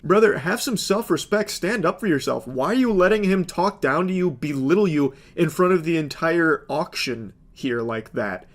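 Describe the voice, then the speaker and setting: Brief: male online commentator, somewhat high voice, dry sarcastic reaction delivery. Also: animated, normal speed, hardly any pauses. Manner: sarcastic, exasperated.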